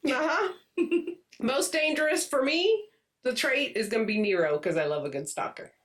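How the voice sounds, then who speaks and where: A woman's voice: high voice, animated, moderate pace, far from the mic. Giggly woman co-host, slightly off-mic. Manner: giggly and chatty, laughs often. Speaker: podcast co-host. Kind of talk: casual chat about romance books. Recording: voice a bit off-mic.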